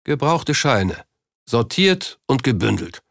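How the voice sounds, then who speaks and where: Man doing a rough crook guy, rumbling and slow, blunt threats, dry audiobook. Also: very animated, fairly bright tone, dry recording, full character voice. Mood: smug. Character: gruff male London crook, menacing and blunt.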